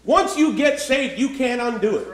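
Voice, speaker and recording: A pastor with a strikingly high voice preaches with fire, building to shouts and stretching key words. He is heard in an echoey church room. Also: lively intonation. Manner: fiery preaching, rising to shouts, drawn-out emphasis. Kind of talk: sermon.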